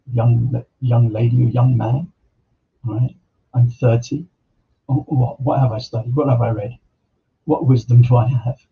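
A man's voice: mid-range voice, slightly rough, lo-fi sound. A man teaching an Islamic lesson on a podcast, reflective, with rhetorical questions and quoted Arabic scripture. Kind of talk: religious talk. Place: podcast studio.

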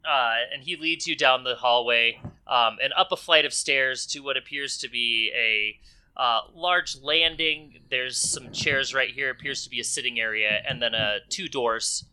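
A man's voice: mid-range voice, a little slow, pushed and bright, smooth. A man running a tabletop game as game master, narrating loosely with many ums and uhs.

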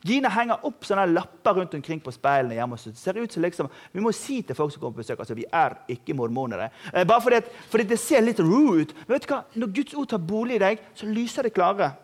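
A man preaching a sermon in a church, energetic and humorous, rising to emphatic peaks. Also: high voice, hardly any pauses. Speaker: pastor. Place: church hall.

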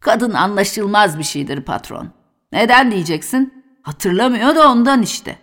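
A woman voicing a boisterous, earthy old male workman in a dramatic novel reading, lively and exclaiming. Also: mid-range voice, measured pace. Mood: exuberant.

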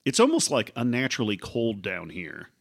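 A gravelly, lowish male voice swoops wildly in pitch while improvising tabletop role-playing narration as game master. He often stalls to find his words, describing scenes in a halting way.

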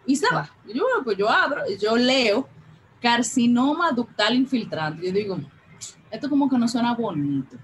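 Animated woman telling a story. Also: a little high, slight background noise, low-quality recording. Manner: animated, acts out quoted dialogue. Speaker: interview guest. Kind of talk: personal storytelling.

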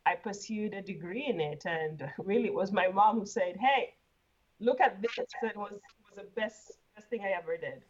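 A woman's voice: mid-range voice, moderate pace, muffled recording. A woman from Uganda, a guest in an interview, talking casually and laughing often, with frequent repeated words.

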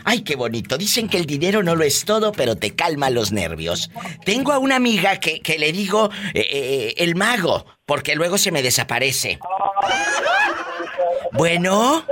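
A man's voice: on the high side, sing-song, moderate pace, bright, forceful tone. A man with a Mexican accent hosting a call-in radio show, theatrical and playful, gasping and exclaiming. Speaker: radio host.

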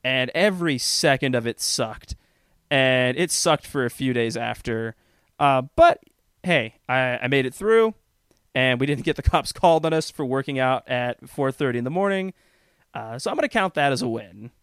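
A man hosting a podcast, telling a story in a relaxed, rambling, self-deprecating way. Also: medium pitch, moderate pace, clean tone, no room sound, clean studio sound. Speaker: podcast host. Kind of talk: casual storytelling chat.

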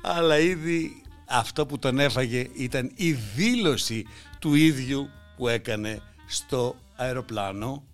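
A man delivering a mocking satirical monologue, swinging between loud outbursts and hushed asides. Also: mid-range voice, soft background music. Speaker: satirical commentator.

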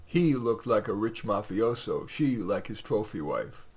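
A man's voice: fairly low pitch, very animated, measured pace, a little mellow, breathy edge. A man reading his own short stories aloud on a podcast, in a conversational way with occasional fillers.

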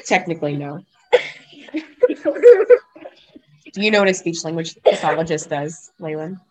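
Woman with a hoarse, raspy whisper of a voice. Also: low-pitched, quick pace, rough recording. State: lost voice, hoarse. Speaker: podcast host and mother. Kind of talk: casual chat, interviewing children.

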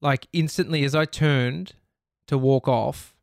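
Australian male podcast host, mid-pitched, candid storyteller who rambles and swears, dry close mic. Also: steady tone, measured pace, gravelly, no echo. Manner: candid, rambling, swears freely, self-reflective. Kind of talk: casual storytelling monologue.

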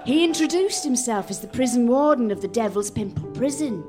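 A woman narrating an absurd comic story in a deadpan, matter-of-fact way. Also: on the high side, fairly quick. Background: music.

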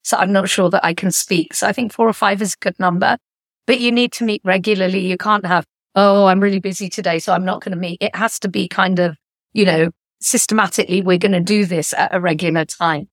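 A woman's voice: medium pitch, brisk, no room sound, studio quality. A middle-aged woman, a company founder and author, talking reflectively as a guest in an interview and coming alive as she tells stories. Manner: reflective, animated when retelling stories. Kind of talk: conversational interview.

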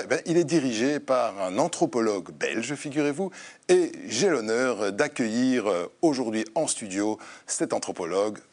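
A man hosting a studio interview, introducing his guest and asking questions in a conversational way with brief fillers. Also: lowish voice. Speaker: host.

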